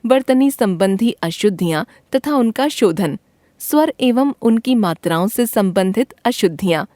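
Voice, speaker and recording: A woman reading a school grammar lesson aloud, slowly and carefully, spelling out letters and listing example words. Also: mid-range voice, expressive, mellow, dry recording, studio quality. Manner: slow, careful reading of letters and word lists. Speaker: teacher.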